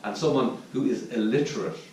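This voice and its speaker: A man with an Irish accent giving a reflective dharma talk as a Zen teacher at a retreat, pausing to search for his words. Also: mid-range voice, darkish tone. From Ireland. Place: meditation hall at a retreat centre. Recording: distant mic in a very echoey room with faint noise.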